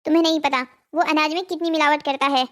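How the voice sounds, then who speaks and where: A woman voicing an honest, patient village husband in a cartoon drama who moralizes calmly. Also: high voice, fast. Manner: calm moralizing.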